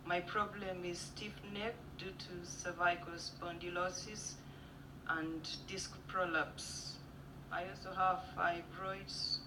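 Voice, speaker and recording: A woman in her fifties from Uganda, pleading slowly for prayer at a church service. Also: fairly low pitch, flat delivery. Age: 50s. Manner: slow, pleading. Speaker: congregant seeking prayer. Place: large church hall. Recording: echoey hall, distant mic, noise.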